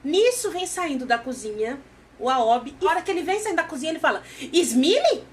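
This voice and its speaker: A woman with a Brazilian Portuguese accent, recapping a series in a casual, animated storytelling way. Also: high-pitched, quick pace, slight background noise. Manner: animated storytelling, acting out characters' lines.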